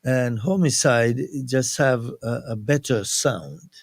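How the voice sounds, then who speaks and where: Outspoken Kittitian man, creaky voice. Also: medium pitch, slow pace, no room sound. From Saint Kitts. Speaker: guest, national security advisor. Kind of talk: radio interview, conversational. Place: radio studio.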